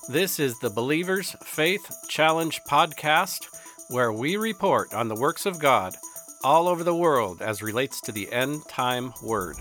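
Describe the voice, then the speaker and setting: A man hosting a podcast, introducing the show and asking a guest measured questions. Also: medium pitch, animated, a bit bright, faint music behind. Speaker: podcast host and interviewer. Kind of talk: podcast interview.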